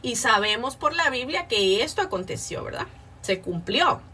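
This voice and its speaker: A woman's voice: on the high side, very animated, moderate pace, pushed and bright, distant mic, slight background noise. A woman giving an informal Bible class, reading passages aloud and explaining them earnestly, often checking in with her listeners. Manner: earnest, frequent filler sounds and restarts, rhetorical tag questions.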